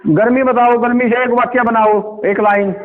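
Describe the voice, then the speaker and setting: A male primary school teacher gives a Hindi lesson in a classroom. He speaks patiently and coaxingly, repeating words and sounding them out slowly for the children. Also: extremely high pitch, steady tone. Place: village government school classroom. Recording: tinny phone-like sound with faint noise.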